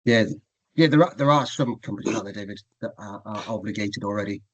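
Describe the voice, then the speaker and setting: A man's voice: on the low side, fast, no echo, muffled recording. A man, a webinar presenter talking on a video call, making brief, casual asides.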